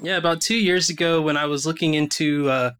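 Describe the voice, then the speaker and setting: A man's voice: on the high side, steady tone, fairly bright tone, clear, resonant tone. A young adult man hosting a podcast, chatting casually with a guest and laughing now and then. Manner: casual, laughs often, quick asides. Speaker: podcast host.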